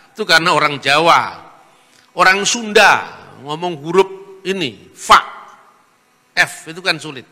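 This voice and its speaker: A man's voice: fairly high pitch, bright, forceful tone, big-room sound. A man giving an explanatory lecture as a scholar, answering his own questions and spelling out letters one by one. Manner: teacherly, asks himself questions and spells out letters.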